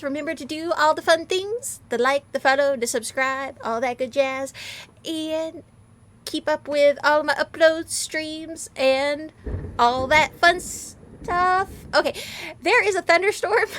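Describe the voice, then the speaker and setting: A woman with a high, somewhat bright voice runs a gaming channel from her home in a rural area. Her commentary is bubbly, goofy, fast, and casual.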